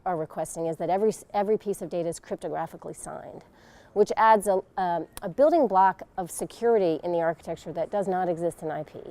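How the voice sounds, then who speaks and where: Middle-aged woman in an interview explaining tech stuff, soft dark tone, bit low, thoughtful. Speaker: interviewed technical expert. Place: outdoors in a leafy garden.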